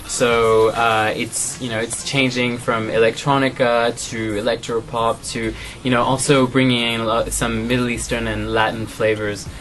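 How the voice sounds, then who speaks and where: Young man, from canada, studio interview, mid pitch, faint music behind. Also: level tone, moderate pace, hardly any pauses, fairly bright tone. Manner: thoughtful, many "you know" fillers. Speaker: singer, interview guest. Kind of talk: casual interview answers.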